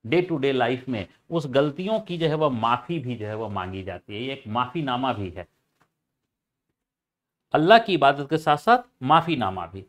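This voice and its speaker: A man explaining a topic for a channel, halting and full of filler phrases and repeats. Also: medium pitch. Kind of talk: informal educational explanation.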